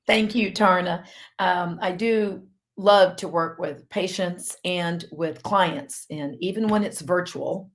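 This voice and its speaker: A woman's voice: lowish voice, slow. Chatty Southern-accented woman physician. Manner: chatty, rambling, laughs easily. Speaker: physician hosting a live online health session. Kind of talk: casual live-stream chat.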